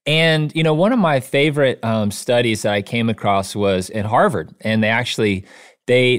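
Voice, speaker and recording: A man, an author being interviewed, who talks earnestly in a storytelling way and often says "you know". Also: medium pitch. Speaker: author and guest. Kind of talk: casual interview chat.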